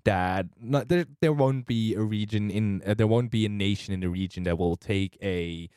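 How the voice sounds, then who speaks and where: Deep-ish dude on a podcast, opinionated, jokey, dry mic. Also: male voice, moderate pace, darkish tone, clear, resonant tone, dry recording. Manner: opinionated, joking asides. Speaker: podcast co-host. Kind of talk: casual discussion.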